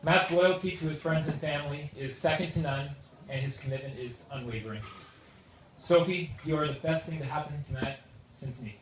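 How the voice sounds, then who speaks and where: A Canadian man giving a humorous best man wedding toast in an informal, joking, halting way. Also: fairly high pitch. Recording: echoey noisy room, far from microphone. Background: loud audience noise and laughter.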